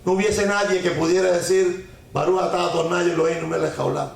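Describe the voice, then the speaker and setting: A man's voice: high-pitched, steady tone, fairly quick, gravelly. A man preaching on the weekly Torah portion, asking rhetorical questions, repeating phrases for emphasis and mixing in Hebrew terms and folk sayings. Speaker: Torah teacher. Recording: very echoey room.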